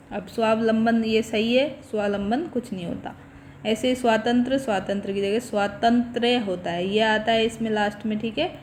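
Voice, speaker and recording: A woman's voice: on the high side, a little mellow, slight background noise. A woman teaching an exam revision lesson, explaining each point step by step and often checking in with her students. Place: online class recording.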